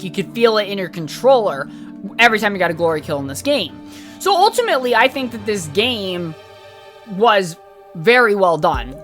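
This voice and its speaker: A woman's voice: mid-range voice, fairly bright tone. Rambling, candid woman podcaster. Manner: rambling and candid, frequent fillers and swearing. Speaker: podcast host reviewing a video game. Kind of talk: casual opinionated review.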